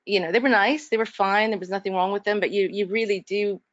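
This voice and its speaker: A woman's voice: medium pitch, fairly even intonation, fast, dry recording, highs cut off. A woman instructor speaking earnestly and reflectively in an online faculty workshop, with frequent fillers and restarts. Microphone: video call.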